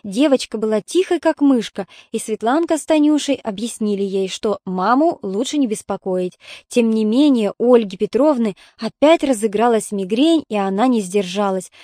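A woman narrating an audiobook in a steady storytelling manner. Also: fairly high pitch, normal speed, hardly any pauses, no room sound, clean studio sound.

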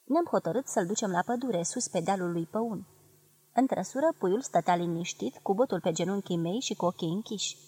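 A woman from Romania giving a measured, expressive literary reading of a memoir. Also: mid-range voice, slightly rough, dry recording. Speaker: reader of a memoir.

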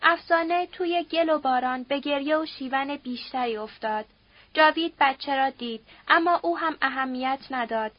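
A woman narrating a novel in a steady, dramatic storytelling manner. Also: high-pitched, dry recording, lo-fi sound. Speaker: audiobook narrator. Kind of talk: literary narration.

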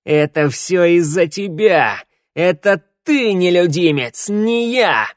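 A man's voice: high voice, lively intonation, takes it slowly, no room sound, voice pushed up. A man reading an audiobook and voicing a young male undead who sobs and pleads, full of guilt, in a dry close recording. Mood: snarling. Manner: sobbing, broken pleading.

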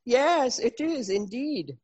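A woman's voice: fairly high pitch, sing-song, slow, a little mellow, slightly rough, highs cut off. A middle-aged woman with a North Indian accent gives an informal explanatory talk, mixing English with Hindi and Sanskrit and repeating terms as she teaches. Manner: didactic, spells out and repeats terms. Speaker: presenter explaining traditional Indian textiles.

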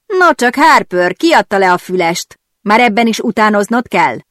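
A woman's voice: mid-range voice, expressive, no echo, studio quality, close to an everyday voice. A woman reading a blunt, stubborn male racing driver. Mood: bitter. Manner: bitter, blunt, determined.

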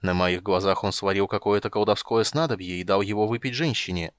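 A man's voice: lowish voice, brisk, no room sound, clean studio sound, lightly acted. A man voicing a solemn, honorable young knight who speaks in a formal, accusing way.

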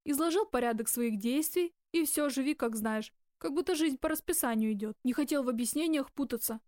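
A woman voicing a tender, remorseful young man who speaks quietly and slowly in an audiobook. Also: high-pitched, no echo, studio quality, close to an everyday voice. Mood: self-reproachful. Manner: quiet, slow, guarded.

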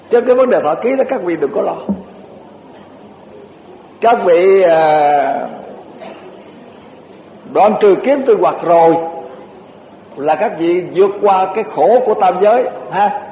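An older Buddhist monk gives a conversational dharma talk and recites verse slowly in a lecture hall. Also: male voice, high voice, slight background noise. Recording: roomy hall, dull lo-fi sound.

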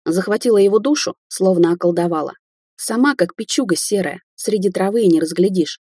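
A woman narrating a fantasy audiobook in a steady storytelling manner. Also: mid-range voice, a little fast, breathy edge, no echo, clean studio sound.

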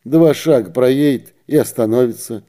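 Male narrator for classic prose, lively storytelling, very dark mellow tone. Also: mid-range voice, moderate pace. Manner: lively storytelling with voiced characters. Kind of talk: literary audiobook reading.

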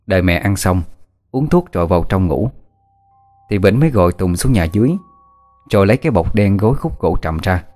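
A man narrating a dramatic story in a steady, measured storytelling manner. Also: sits low, soft background music.

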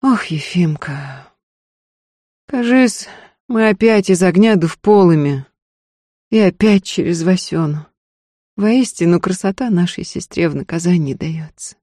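A reader voicing a weary, sharp-tongued frontier wife in an audiobook, scolding and worried. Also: mid-range voice, animated, no room sound, studio quality, pitched above the performer's own voice. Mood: wry, bitter. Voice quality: scolding, quick to anger. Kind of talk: audiobook character voice.

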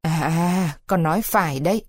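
A kind old father in a storybook, as a woman puts him on. He speaks low, mumbles and is gentle. The sound is dry and close. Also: moderate pace, husky, no room sound. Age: older. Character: poor kind old father, gruff and loving.

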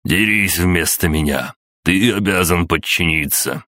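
A man's voice: low-pitched, a little slow, bright, forceful tone, dry recording, clean studio sound. A man reading an audiobook, voicing a dying male warrior who gives strained, bitter orders. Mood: commanding. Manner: strained, demanding.

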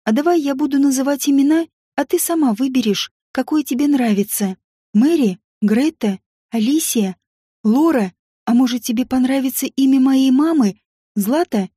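A woman voicing a lonely, gentle little princess girl who speaks in an earnest, childlike way. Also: high voice, moderate pace, slightly rough, no echo, clean studio sound. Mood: gentle, delighted.

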